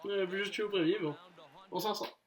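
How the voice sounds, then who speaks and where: A man with a Quebec French accent doing casual commentary over a baseball video game he is playing, excitable, swinging between low muttering and loud cheering, cursing often and dropping English phrases. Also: a little fast, poor audio. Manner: curses often.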